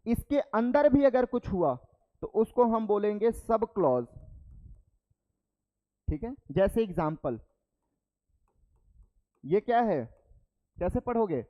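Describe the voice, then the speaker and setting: A man's voice: high-pitched, animated, slow pace, pauses often, highs cut off. A young male teacher giving a classroom lecture, explaining step by step and checking in with the class after each point. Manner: explains step by step, repeats terms, checks with "ठीक है".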